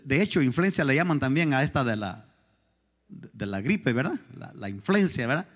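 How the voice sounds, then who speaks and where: High-voiced pastor preaching emphatically. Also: male voice, big-room sound. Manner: emphatic, asks the congregation repeated questions. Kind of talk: sermon.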